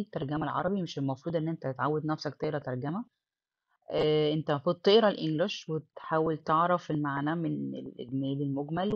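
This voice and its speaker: A woman's voice: low-pitched, no echo, highs cut off. A woman with an Egyptian Arabic accent teaching an English lesson, mixing English words into her Arabic explanation.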